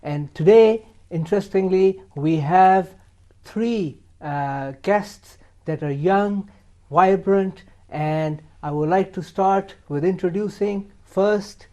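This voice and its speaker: A man's voice: high-pitched, slow pace, dark tone, dull audio. A man hosting a youth talk show, asking questions with many hesitations and restarts. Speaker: TV show host.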